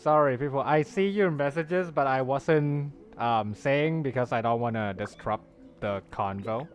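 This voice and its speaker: A man livestreaming a game chats casually with his viewers, greeting them warmly and reading their chat messages aloud. He speaks in a mid-range voice at a measured pace over soft background music.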